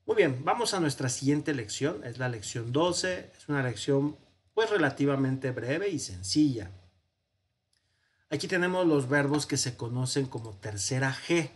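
A man with a Mexican Spanish accent giving a patient, explanatory online grammar lesson. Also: medium pitch. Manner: patient, explanatory, self-correcting, with many "este" fillers. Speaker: Hebrew grammar teacher.

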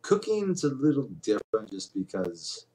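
A man's voice: medium pitch, sing-song, moderate pace, mellow. A man in his forties chatting casually to a webcam at home, rambling with lots of fillers and restarts. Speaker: vlogger. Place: small room indoors at home. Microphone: webcam at desk.

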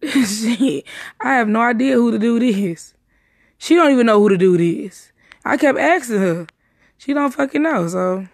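A young woman with a gravelly, fry-heavy voice recounts events in a rambling, profane way, full of restarts. The sound is dry and close. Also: a little high, animated, unhurried, dry recording. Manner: rambling, profane, emphatic storytelling; repeats herself and restarts often. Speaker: witness recounting a night out. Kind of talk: casual spoken retelling.

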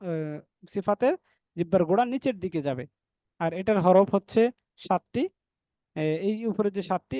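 A man teaching a Quran recitation class, explaining step by step and slowly sounding out letters, and addressing listeners as dear brothers. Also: high-pitched, warm tone, no room sound, clean studio sound. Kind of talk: online class lesson.

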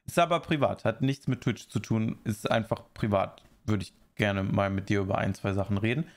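A man's voice: fairly low pitch, moderate pace. A man streaming live, chatting casually while reacting to a video and answering viewer chat in rambling asides.

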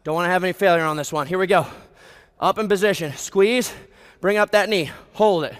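A young American man in his twenties with a high, clear, fairly bright voice speaks fairly quickly as he leads a group workout like a hyped gym bro. Talking while exerting himself, he fires off motivational cues and countdowns into a headset, his voice ringing through a big reverberant indoor brick warehouse gym.

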